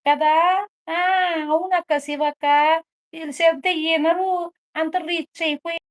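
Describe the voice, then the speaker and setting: A woman's voice: very high-pitched, fairly even intonation, a little slow. A woman doing a gossipy village busybody. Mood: teasing. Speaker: live stream entertainer. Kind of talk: comic character monologue on a live stream.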